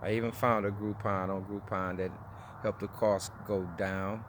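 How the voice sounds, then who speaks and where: Vlogger, man in his forties, low voice, loose rambling delivery, street noise behind. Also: flat delivery, moderate pace. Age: 40s. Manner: rambling, with frequent restarts and fillers. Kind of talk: casual personal review.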